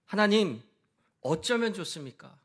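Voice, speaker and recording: A man doing Moses, desperate leader, anguished, high raised pleading voice. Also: animated, a little slow, fairly bright tone, breathy edge, full character voice.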